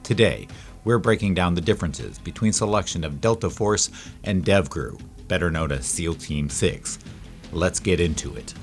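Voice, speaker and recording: A man giving dramatic, measured scripted documentary narration, slowing down on key phrases. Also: deep voice.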